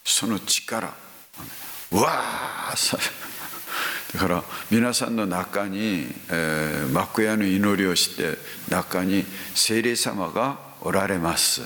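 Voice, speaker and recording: Slow, deep-voiced male preacher in hall. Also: bright, forceful tone. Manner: slow preaching with frequent hums and rising exclamations. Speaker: pastor. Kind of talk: sermon. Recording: echoey hall with faint hiss.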